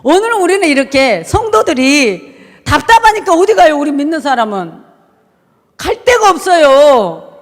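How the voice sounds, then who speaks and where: A woman pastor preaches in a lively, sing-song voice that rides high above most speakers. She jumps from shouts down to quiet, murmured asides, constantly questioning her congregation. The long tail of a big, reverberant church hall follows every phrase. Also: measured pace. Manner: swings between shouting and near-murmur. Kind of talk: sermon. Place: church sanctuary.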